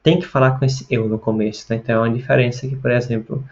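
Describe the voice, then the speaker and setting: A man's voice: mid-range voice, flat delivery, fast, a little mellow. A man from Pará with a northern Brazilian accent, hosting a casual language-learning lesson, rambling and repeating words for emphasis. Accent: northern Brazilian Portuguese. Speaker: language-learning video host. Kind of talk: casual educational talk to camera. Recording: slightly dull, lo-fi sound.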